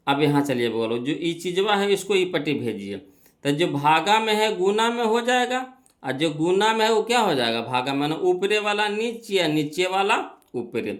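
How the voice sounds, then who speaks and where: A young man teaching an exam-prep math lesson, working through problems step by step, asking and answering his own questions and repeating key phrases. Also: high voice.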